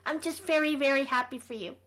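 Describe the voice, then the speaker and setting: A woman's voice: high voice, fast, a bit bright. A woman playing in a tabletop game, polite and hesitant, with many fillers. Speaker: player. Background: faint background music.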